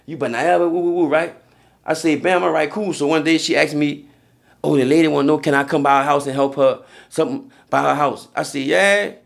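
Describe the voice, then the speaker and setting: New Orleans man, young, gravelly, slightly high voice, slangy storyteller. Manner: streetwise slang, frequent "you feel me". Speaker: podcast guest. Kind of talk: casual storytelling.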